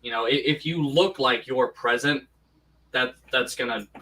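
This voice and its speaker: This man, a podcast co-host, speaks a bit slowly in a bright, forceful mid-range voice, wandering through casual chat with lots of false starts. The badly configured home microphone is distant and gives him a metallic, tin-can quality, with slight background noise.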